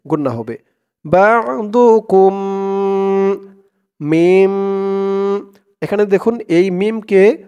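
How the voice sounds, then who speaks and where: A man teaching Quran reading step by step, drawing out each recited word slowly and then dropping into quicker, quieter spoken explanations. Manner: slow drawn-out recitation alternating with quick low spoken explanations.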